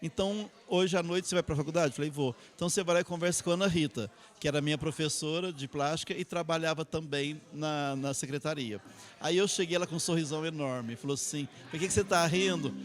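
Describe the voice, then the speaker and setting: A man's voice: on the high side, fast. A middle-aged Brazilian man, an artist guest, telling his life story in a rambling way, often ending phrases with tag questions. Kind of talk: interview storytelling. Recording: music playing behind.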